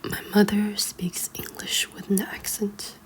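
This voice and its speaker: A woman reads a children's book aloud as ASMR in a hushed, librarian-like whisper. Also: medium pitch, level tone, unhurried. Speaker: ASMR reader.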